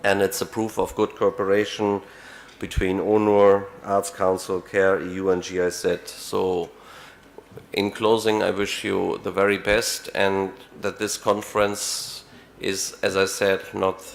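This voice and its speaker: A man with a deep, gravelly voice delivers a formal closing address. His phrasing is halting and his intonation stays fairly even, over faint background noise. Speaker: event speaker.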